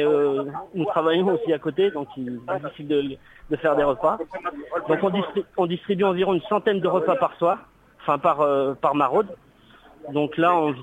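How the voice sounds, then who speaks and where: A man rings in to a radio show, and his voice comes through a dull, lo-fi phone line. He is a charity volunteer who speaks formally and politely, with frequent pauses, in a somewhat high register for a man. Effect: phone call heard on air. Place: outdoors on a street round.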